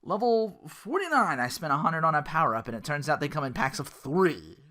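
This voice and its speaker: A podcast host with a slightly high voice talks briskly through rambling, casual gaming commentary. He throws in animated asides, acting out little quotes along the way.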